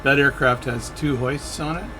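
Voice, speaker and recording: A man with a medium-pitched voice narrates his flight sim session at a moderate pace, with music playing behind him. As a flight sim video creator, he talks in a chatty, rambling way and often corrects himself mid-sentence.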